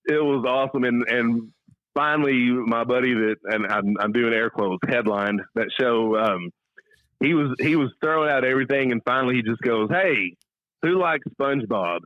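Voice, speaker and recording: Speaking at normal speed in a medium-pitched voice, this middle-aged American comic spins casual stories as an interview guest, performing the quoted lines with animation. There is no room sound, though the audio is lo-fi.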